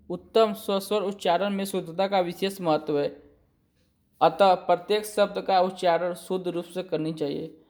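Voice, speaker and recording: Slow, high-voiced male teacher. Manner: slow and deliberate, often checking with "ठीक है"; reads a point, then restates it in simpler words. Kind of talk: exam-prep lesson, reading notes and explaining.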